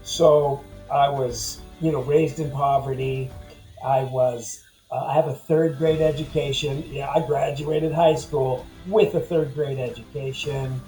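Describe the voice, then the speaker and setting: A man's voice: medium pitch, fairly even intonation, a little slow, warm tone, roomy sound, soft background music, poor audio. A man in his fifties talking bluntly and ramblingly in a casual personal monologue to camera. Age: 50s. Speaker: vlogger.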